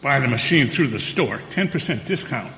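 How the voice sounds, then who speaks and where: Sharp, bright, blustering store boss. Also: male voice, medium pitch, expressive, moderate pace. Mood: brisk, hearty. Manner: emphatic, sputtering. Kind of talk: old-time radio drama acting. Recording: reverberant hall.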